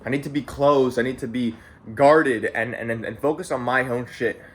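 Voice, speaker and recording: Filming at home, this Canadian vlogger in his late teens speaks at medium pitch and normal speed, his voice a bit bright. He's a young adult man delivering a casual, profane, rambling pep talk to camera, often repeating himself and dropping "bro."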